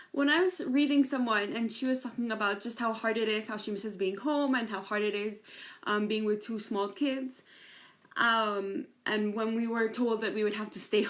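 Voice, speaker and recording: A woman's voice: mid-range voice, a bit bright. A woman in her thirties from the Philippines, a parenting coach, talking casually to viewers on a live stream from her apartment and often checking in with "right?". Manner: chatty, frequent "um" and "right?" check-ins. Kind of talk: casual Facebook Live talk. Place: apartment at home.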